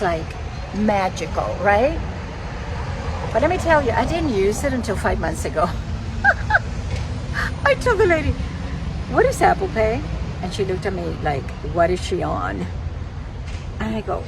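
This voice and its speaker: An older woman from Cuba, chatting playfully while walking outdoors, slipping in Spanish as she vlogs. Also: medium pitch. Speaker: vlogger. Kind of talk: casual walking vlog chat. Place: outdoors on city streets, walking. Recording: street traffic noise behind.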